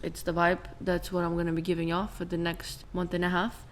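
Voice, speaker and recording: A woman's voice: on the low side, completely flat delivery, a little fast, a little hiss or hum. A young woman from Ukraine co-hosting a reaction channel, chatting in a playful, wry way. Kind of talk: casual chat.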